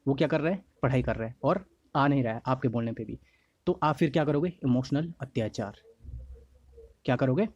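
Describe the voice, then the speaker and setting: A male teacher with a slightly hoarse throat, giving a lesson on memory tricks. He repeats each mnemonic slowly and keeps checking in with the class. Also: medium pitch, darkish tone, no room sound. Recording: dry, slightly dull lo-fi recording.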